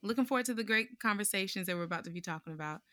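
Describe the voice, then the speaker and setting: A woman's voice: medium pitch, rapid-fire, a bit bright, no echo, clean studio sound. A woman from North Carolina, a performer guest, introducing herself in a friendly way. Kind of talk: casual interview chat.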